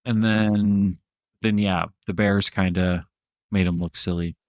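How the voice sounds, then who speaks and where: This man, a podcast co-host, talks football slowly and steadily in a fairly low voice, his casual sports chat loose and wandering. He breaks into laughter partway through sentences and drops the occasional swear word. The sound is dry and close-miked, with no room sound at all.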